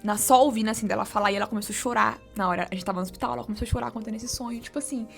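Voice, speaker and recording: Young Brazilian woman vlogger, gravelly voice, hushed heartfelt storytelling, faint music underneath. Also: a little high, steady tone, rapid-fire. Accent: Brazilian Portuguese. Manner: soft-spoken, often drops to a whisper. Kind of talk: emotional personal storytelling.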